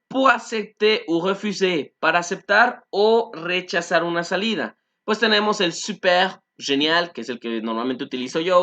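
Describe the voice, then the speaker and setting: A man teaching a French lesson, repeating phrases slowly and translating them, with many "este" fillers. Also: on the high side, bright, forceful tone, muffled recording. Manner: frequent "este" fillers, asks "¿no?" and "¿sí?". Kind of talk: online language lesson.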